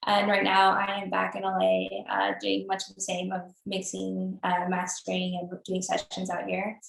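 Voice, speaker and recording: A woman's voice: medium pitch, completely flat delivery, normal speed, creaky. A young woman audio engineer on a virtual panel, talking casually with many fillers. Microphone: video call. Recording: roomy video call audio.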